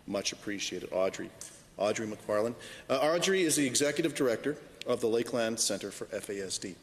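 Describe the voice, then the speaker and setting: A man, a member of the legislature, giving a halting floor speech full of restarts and fillers in the chamber. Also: on the low side, animated. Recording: long hall reverb with faint noise.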